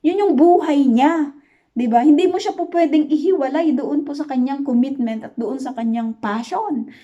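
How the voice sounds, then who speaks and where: A woman leads a Bible study in a high, mellow voice, earnest and persuasive. She keeps checking in with her listeners and slows down to stress the key points. The recording sounds dull and lo-fi. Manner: earnest, asks listeners "di ba?" again and again; mixes English words into her talk.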